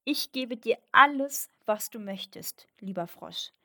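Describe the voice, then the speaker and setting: A woman reading as a spoiled young princess from a storybook, her voice lifted and whiny as she pleads. She speaks slowly and plainly. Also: on the high side, lively intonation, sharp tone, full character voice. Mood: pleading.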